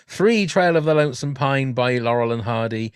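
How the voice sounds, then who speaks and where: A man hosts a casual podcast, chatty and quick to laugh. His voice sits at a middle pitch. The sound is dry and close. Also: expressive, clean tone, no echo. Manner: chatty, laughs often, hums tunes. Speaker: podcast host. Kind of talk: casual chat.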